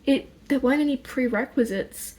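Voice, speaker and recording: A young woman vlogger chatting casually and quietly, as if not to wake anyone, in a rambling, self-deprecating way. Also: high-pitched, moderate pace, husky. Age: young adult. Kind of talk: casual chat while doing makeup. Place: indoors in own room. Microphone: phone propped on a music stand.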